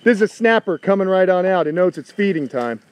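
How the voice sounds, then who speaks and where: A man's voice: sits high, expressive, fast talker, smooth. A man in his thirties talking like an enthusiastic wildlife show host, exclaiming and chatting to live-stream viewers outdoors on a phone. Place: outdoors in a fenced animal yard. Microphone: phone at arm's length.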